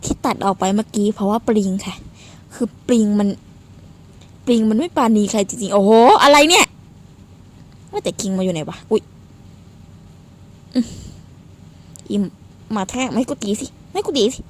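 A woman giving casual gameplay commentary, excitable and playfully swearing, squealing at her game. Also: medium pitch, moderate pace, long pauses. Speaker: game streamer.

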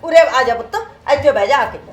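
A woman playing a tender, anxious older mother-in-law who pleads in a soft, tearful voice. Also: sits high, brisk, faint music behind. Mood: coaxing. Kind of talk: family drama acting.

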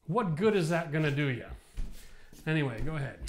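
A man from Canada in his forties explains home renovation at a studio whiteboard, talking through a lapel mic. His voice sits a little high for a man, and he talks in an emphatic, animated way that builds into passionate rants. He sounds tired. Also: a little fast, a little hiss or hum. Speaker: renovation expert host. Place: studio set with whiteboard, indoors.

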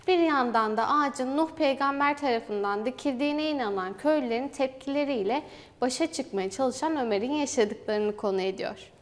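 A young woman presenting film news for university television, reading a script in a formal, even way. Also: on the high side. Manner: even, formal read-aloud delivery. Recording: hall reverb.

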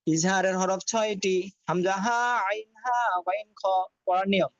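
A man's voice: sits high, normal speed, dry recording, dull audio. A man teaching Quran recitation rules, spelling words out syllable by syllable and then joining them, in a patient lesson style. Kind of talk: slow syllable-by-syllable tajweed lesson.

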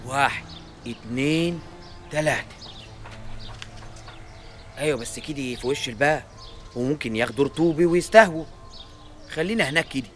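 A man's voice: mid-range voice, brisk, pauses often, faint music behind, close to an everyday voice. An actor playing a man directing others, speaking with an Egyptian Arabic accent.

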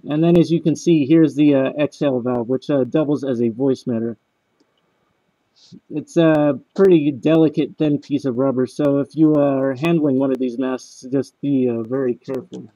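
A man with a warm, steady, mid-range voice speaks at a moderate pace from inside a gas mask, reviewing it casually and matter-of-factly for a product review video. The mask leaves the sound dull and muffled.

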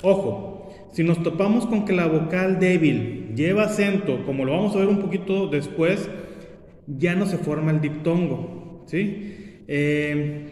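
Guy teaching spelling, slightly high voice, keeps saying ok, long echo in the room. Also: darkish tone. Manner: patient, repeats examples slowly, fillers "eh" and "¿ok?". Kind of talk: spelling lesson. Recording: echoey room with long reverb.

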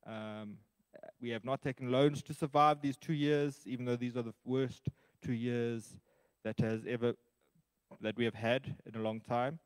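A man giving a church's financial report, halting with many ums between the items. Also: medium pitch, fairly even intonation, clear, resonant tone, no room sound, low-quality recording.

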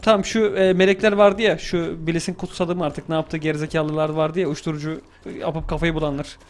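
A young man casually commenting on his gameplay, joking around and shouting excitedly at the action. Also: a little high, a little fast. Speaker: gaming YouTuber.

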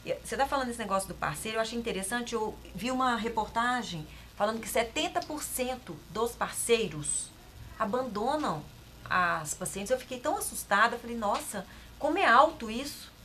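A woman's voice: fairly high pitch, lively intonation, fairly quick, fairly bright tone, slight background noise. A middle-aged woman with a Brazilian accent, speaking as a talk-show guest in an emphatic, encouraging way and often repeating phrases. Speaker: guest sharing a breast cancer experience. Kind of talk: casual talk-show conversation.

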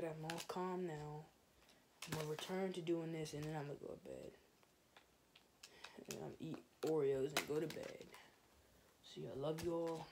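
Over some background noise, a teenage boy with a fairly high, unsteady voice that tends to crack vlogs for his gaming channel. He's in a small bedroom, phone camera close up. The talk is a loose, casual ramble, heavy on "like" and prone to drifting off topic.

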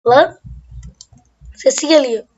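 A woman's voice: high voice, slow, darkish tone, muffled recording. A woman giving casual game commentary, playful and swearing jokingly. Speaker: gamer.

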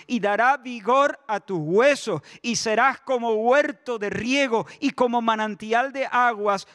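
A man from Spain, preaching a sermon in a church, impassioned, shifting between shouts and soft asides. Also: sits high. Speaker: pastor.

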